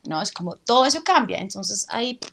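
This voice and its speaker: A woman's voice: mid-range voice, normal speed, vocal fry. A woman, an actress and drama teacher, answering interview questions and showing her points with her voice. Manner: animated, explains with vocal demonstrations.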